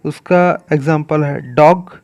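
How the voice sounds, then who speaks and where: A man with an Indian accent teaching English pronunciation in a classroom style, speaking slowly and repeating each sound and its examples. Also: on the high side, steady tone, a little mellow.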